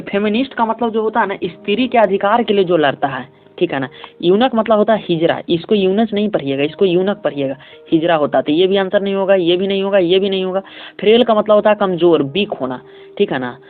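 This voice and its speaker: A high-pitched male English teacher takes his class through an exam paper step by step, reading English sentences slowly, explaining them and often checking in with students. The audio is tinny and phone-like.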